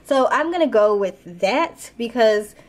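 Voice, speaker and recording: A woman's voice: a little high, lively intonation, a little slow. A woman with a blocked, stuffed-up nose from a sinus infection, giving a casual tarot card reading. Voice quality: congested, blocked-nose sound. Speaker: tarot reader and channel host.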